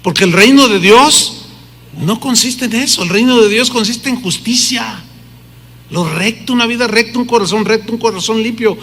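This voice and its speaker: Middle-aged male pastor, high bright voice, emphatic sermon with audience questions, church hall reverb. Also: normal speed. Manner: emphatic preaching, rhetorical questions to the congregation.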